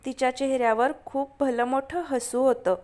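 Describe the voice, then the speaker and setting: A woman narrating a family story in a steady, plain reading. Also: high-pitched, moderate pace.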